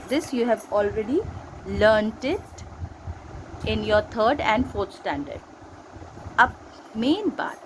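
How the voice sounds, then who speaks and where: Patient Indian teacher, lively high voice. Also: female voice, slight background noise, rough recording. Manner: patient explaining, quizzing pupils, mixing Hindi and English. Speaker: school teacher. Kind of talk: recorded online grammar lesson.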